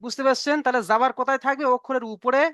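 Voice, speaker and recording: Teaching Arabic reading online as a Quran teacher, this man is patient and repetitive, going over every point and constantly checking that his students follow. He speaks rapid-fire in a very high, fairly bright, smooth voice with flat delivery, recorded in studio quality with no echo.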